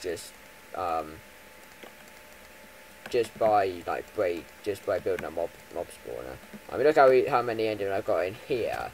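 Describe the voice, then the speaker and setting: Male gaming commentator, rambling and casual, lively swinging pitch, faint hiss on a home mic. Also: poor audio. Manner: rambling, chatty, with lots of ums and self-corrections; swings from loud bursts to low mumbles. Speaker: gaming YouTuber. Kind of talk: Minecraft let's play commentary.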